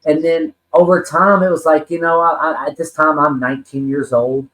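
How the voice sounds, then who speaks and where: As a podcast guest, a wrestler and talent manager in his forties shares his personal story, rambling earnestly with frequent ums and restarts. His voice is on the high side and a bit bright, with little pitch movement and normal speed. The sound is roomy and the audio poor.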